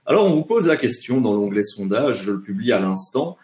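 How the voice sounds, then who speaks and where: A man moderating a live education webinar, unhurried, with drawn-out fillers between phrases. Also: fairly low pitch, very animated, a little mellow, roomy sound.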